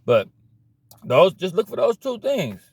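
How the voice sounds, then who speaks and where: A man's voice: high-pitched, wildly swooping pitch, measured pace, a little mellow, slightly rough, dry recording. A man giving a blunt, slangy motivational rant about cutting problem people out of your life, repeating himself as he preaches. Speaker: motivational vlogger.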